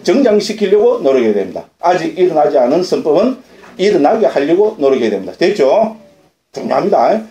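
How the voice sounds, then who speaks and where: Speaking briskly with wide pitch swings, this male monk from Korea has a mellow, somewhat high voice. In his dharma talk at a Buddhist center's lecture hall, he raises his own questions, answers them, and seeks assent with quick tag questions. The recording sounds spacious, like a hall.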